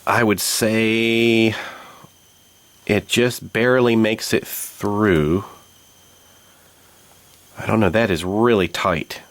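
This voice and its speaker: A man hosting a tabletop board game playthrough, explaining the rules and thinking aloud about each move in a measured way. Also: on the low side, steady tone. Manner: measured, thinks aloud while checking moves.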